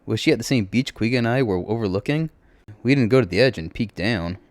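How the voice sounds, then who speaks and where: A man narrating a story in the first person, expressive, with his voice jumping up on exclamations. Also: lowish voice, fast, dry recording.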